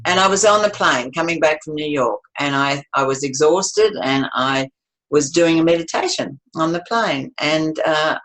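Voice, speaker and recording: Recorded on low-quality equipment, a deep-voiced woman in her 70s chats with an interviewer about her life story. She rambles warmly, restarting frequently and laughing often.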